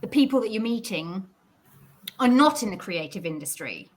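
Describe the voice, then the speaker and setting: A woman chatting as a guest on a video call, a YouTuber talking in an animated way. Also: mid-range voice. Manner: animated, quick to laugh. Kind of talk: casual video call chat. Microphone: video call microphone.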